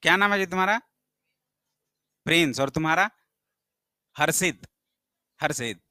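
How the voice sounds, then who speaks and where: Bright-voiced male math teacher. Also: on the high side, no echo. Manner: questioning students, brisk and scolding. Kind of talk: classroom lecture. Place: classroom.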